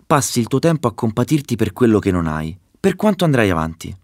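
A man's voice: fairly low pitch, very animated, fairly quick, no room sound, studio quality, pitched above the performer's own voice. A man voicing a female queen bee who is a firm but tender adoptive mother, reading a storybook. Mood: scolding. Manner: firm, scolding yet tender.

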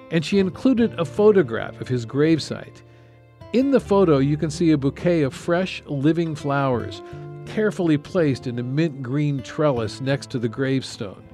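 A man hosting and reporting on a news podcast, delivering measured, scripted narration. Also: mid-range voice, a little mellow.

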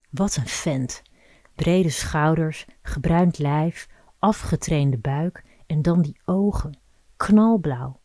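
A woman reading a scripted erotic story aloud in an intimate, measured storytelling manner. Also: low-pitched, mellow, no room sound. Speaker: narrator.

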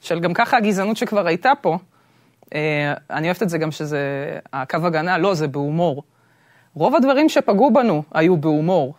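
A woman from Israel with an Israeli accent, talking casually and with opinions as an interview guest, informal and halting as she argues a point. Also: on the low side, expressive, dry recording, clean studio sound. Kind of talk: casual, opinionated podcast conversation.

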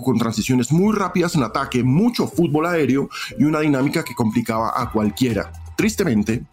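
A man's voice: mid-range voice, a little mellow. A man with a Colombian accent hosting a podcast, reading scripted football history in a storytelling way. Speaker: podcast host. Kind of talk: scripted sports-history narration. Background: music.

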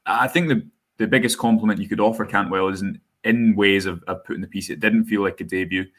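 A man analyzing football casually as a journalist, measured and hesitant with fillers. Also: fairly low pitch, fairly even intonation, a bit bright.

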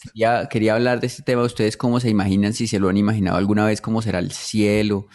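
A man's voice: lowish voice, level tone, fast, a little mellow. A Colombian man co-hosting a podcast, talking in a hesitant, reflective way with many fillers. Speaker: podcast co-host. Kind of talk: casual conversation.

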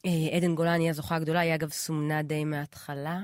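A woman's voice: sits low, little pitch movement, clean tone, dry recording. Israeli woman chatting on a dry mic. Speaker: pop culture podcast co-host. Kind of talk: casual chat.

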